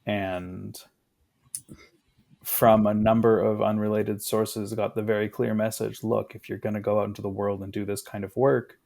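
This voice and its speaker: A man in his thirties, a guest in a casual conversation, talking in a reflective, unhurried way with fillers. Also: lowish voice, level tone, gravelly, darkish tone.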